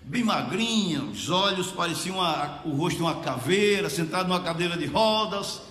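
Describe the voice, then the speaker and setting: A male preacher telling a story in a sermon, animated and emotional, in a church hall. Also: sits high, moderate pace. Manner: animated, rises into emotional emphasis. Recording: echoey hall, faint background noise.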